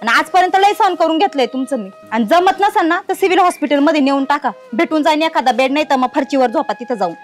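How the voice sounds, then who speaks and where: A woman playing a shrill, scornful daughter-in-law. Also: expressive, quick pace, few pauses, soft background music. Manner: scolding, contemptuous rants. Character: young daughter-in-law, harsh and scornful toward her in-laws.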